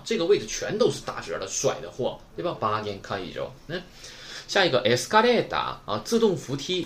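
A man's voice: medium pitch, fairly bright tone, a little hiss or hum. A man from Northeast China teaching a Japanese vocabulary lesson, explaining patiently and asking rhetorical questions as he goes.

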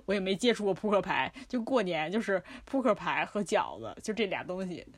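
A woman, co-hosting a casual chat and telling a childhood story with lively swearing and animation. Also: mid-range voice, no echo. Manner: rapid, animated, swears freely. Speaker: podcast co-host.

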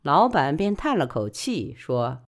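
A woman storyteller narrating a novel in a Wuhan dialect with expressive delivery. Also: low voice, measured pace. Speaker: audiobook storyteller.

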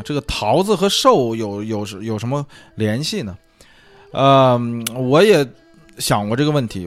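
A man hosting a casual solo talk show, musing aloud in a chatty way with many fillers. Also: mid-range voice. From China. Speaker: podcast host. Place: lives abroad.

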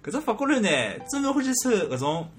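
A man's voice: very high-pitched, fast talker. A man with a Shanghainese accent hosting a podcast, chatting and telling stories in a joking way. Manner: lively, joking storyteller. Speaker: podcast host. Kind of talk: casual chat.

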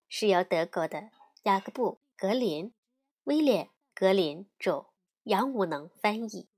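Slow, gentle woman reading a bedtime story. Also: medium pitch. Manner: gentle, addresses child listener. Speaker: storyteller host.

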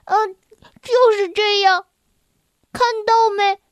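A playful young frog boy with a bright, very high voice who loves to tease and giggle, as a woman reading a storybook puts him on. He drawls his words out slowly and the recording is close and dry. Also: steady tone, dry recording, heavily acted. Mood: teasing. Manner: teasing, giggly.

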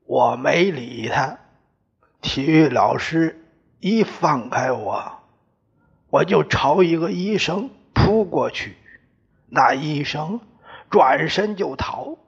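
Male audiobook narrator, first person, very slow pace, fairly high voice. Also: expressive, creaky, husky. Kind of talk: first-person novel reading. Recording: dull lo-fi recording.

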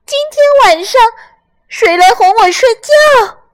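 A woman's voice: animated, takes it slowly, exaggerated voice. A woman voicing a small, whiny boy lamb who wails and complains, in a storybook reading. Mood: wailing. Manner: shrill, wailing, complaining.

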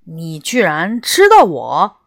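A woman voicing a grumpy, fierce male tiger-like beast in a storybook, speaking in a gruff, curt and irritable way. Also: lowish voice, huge pitch swings, slow pace, dry recording, clean studio sound, voice pushed down, full character voice. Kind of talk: storybook character voice.

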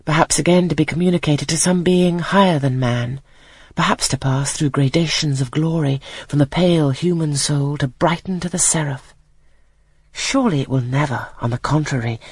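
A reader voicing a gentle, pious schoolgirl who speaks calmly and earnestly about her beliefs. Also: mid-range voice, normal speed, breathy edge, no echo, lightly acted. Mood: serene earnest. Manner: calm, earnest, softly solemn. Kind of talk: scripted audiobook reading.

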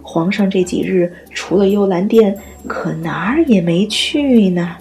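A woman's voice: mid-range voice, a little slow, darkish tone, natural voice. A woman doing a sly, haughty concubine. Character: scheming, haughty palace concubine.

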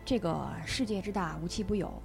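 A woman, telling a personal story as a guest on a talk show in a chatty, animated way. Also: medium pitch, brisk, vocal fry, faint music behind. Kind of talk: casual storytelling chat.

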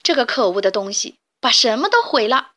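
Woman doing a shrill flock of panicky chicks. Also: sing-song, brisk, sharp tone, heavily acted. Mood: panicked.

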